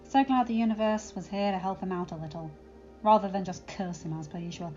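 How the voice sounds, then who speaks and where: A woman reading a fan fiction story aloud as an audiobook narrator, in an expressive storytelling manner. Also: medium pitch, brisk. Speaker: audiobook reader. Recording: slightly dull lo-fi recording, faint music.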